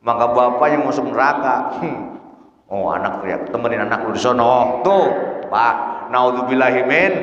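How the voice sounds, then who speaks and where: Slow, storytelling preacher man. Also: medium pitch. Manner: lively storytelling that addresses the men directly. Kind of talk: humorous sermon. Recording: dull echoey hall recording.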